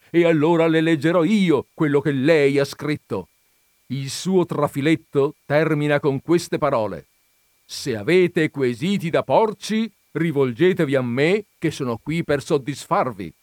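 A man voicing a calm but stubborn male visitor, pressing his questions emphatically while reading a comic story. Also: a little high, a little slow, dry recording, studio quality, pitched above the performer's own voice. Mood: triumphant.

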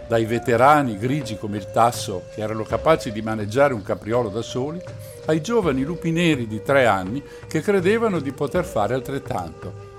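A man narrating a novel aloud in a steady, measured storytelling voice, with faint music behind. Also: medium pitch.

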